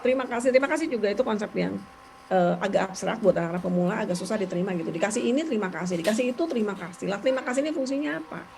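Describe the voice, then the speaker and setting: A woman talking casually and explaining therapy ideas as a parent, chatty and animated, with quick laughs. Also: medium pitch, vocal fry, rough recording.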